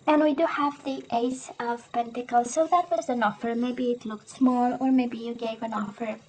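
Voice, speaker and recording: A woman doing a casual tarot love reading, hoarse as she loses her voice, often clearing her throat and tagging her sentences with "right?". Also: on the high side, fairly even intonation, normal speed, darkish tone, a little hiss or hum, low-quality recording. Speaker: tarot reader.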